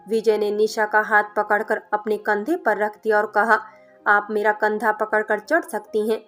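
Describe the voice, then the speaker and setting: A woman reading a family story aloud as scripted narration, speaking every character's lines in her own voice. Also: medium pitch. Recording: narration with background music.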